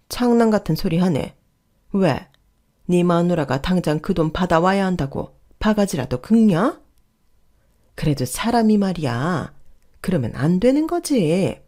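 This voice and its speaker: Woman voicing a bossy old mother-in-law, snappy and loud, mellow-toned underneath. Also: lowish voice. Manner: scolding, sharp and dismissive. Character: shrill stubborn older mother-in-law.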